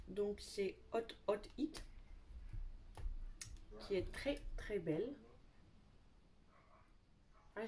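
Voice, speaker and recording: A young woman chats casually as a beauty vlogger, gushing and repeating words for emphasis. Her voice sits at an ordinary middle pitch. The home recording carries a clear layer of noise and scattered clicks. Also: dark tone. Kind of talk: casual show-and-tell chat.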